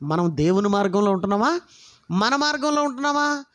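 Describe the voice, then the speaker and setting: A man's voice: high-pitched, expressive, brisk, a bit bright. A man preaching a sermon as a pastor, passionate and full of rhetorical questions put straight to the listeners. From Andhra Pradesh, India. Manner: impassioned, rhetorical questions, addresses listeners directly.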